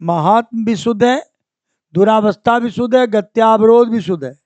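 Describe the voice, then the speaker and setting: A man teaching a spelling lesson for exam preparation. He talks slowly and goes over each word several times, correcting it, and he clears his throat often. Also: sits high, a little mellow, dry recording, dull audio. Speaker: Hindi grammar teacher. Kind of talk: exam-prep lesson, working through spelling questions.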